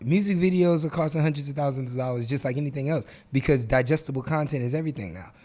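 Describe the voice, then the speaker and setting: A man's voice: mid-range voice, fast talker, dark tone. A man hosting a casual podcast, arguing his points emphatically and repeating phrases to drive them home. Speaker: podcast host.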